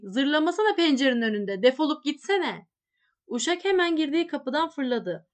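A woman reading a literary story aloud in a measured, expressive way. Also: high voice. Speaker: narrator. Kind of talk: storybook narration.

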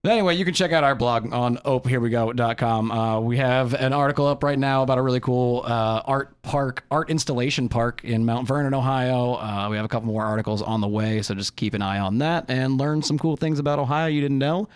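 A man's voice: medium pitch, steady tone, a little fast, few pauses, clean tone, dry recording. A man co-hosting a podcast in a casual, jokey chat, laughing often. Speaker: podcast co-host.

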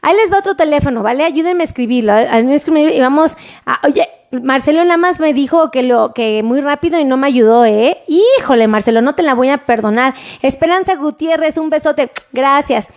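Woman, Mexican Spanish accent, high voice, chatty live-stream doctor, reads out viewer comments. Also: expressive. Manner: chatty, warm thanks to viewers, dictates numbers slowly.

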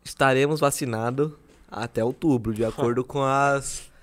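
A man's voice: mid-range voice, fairly even intonation, moderate pace. A man co-hosting a casual chat, slangy and swearing, laughing often. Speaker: podcast co-host.

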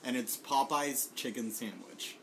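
A man's voice: medium pitch, unhurried, a bit bright, a little hiss or hum, low-quality recording. A man from Puerto Rico chatting casually about food he brought, swearing often and filling gaps with ums and laughs. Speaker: guest bringing food. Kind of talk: casual food tasting chat.

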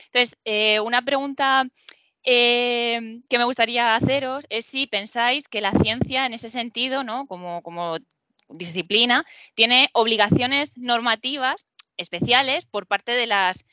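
Bright woman moderating. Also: fairly high pitch, measured pace, dry recording, dull audio. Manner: thoughtful questioning. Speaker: host. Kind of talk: moderating a panel.

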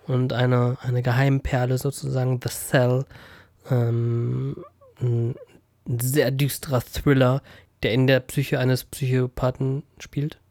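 A man's voice: mid-range voice, flat delivery, slow, a little mellow, no echo, clean studio sound. A man co-hosting a podcast in casual, playful conversation. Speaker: podcast co-host.

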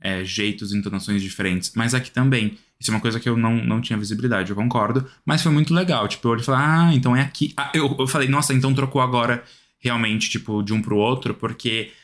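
A man's voice: lowish voice, fast, hardly any pauses. A man co-hosting a casual music podcast, talking in a hesitant, rambling way with many restarts. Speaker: podcast co-host.

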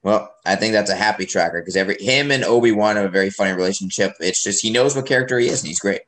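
A man's voice: fairly low pitch, racing, a bit bright. A young man on a podcast panel, chatting casually and giving blunt, emphatic opinions.

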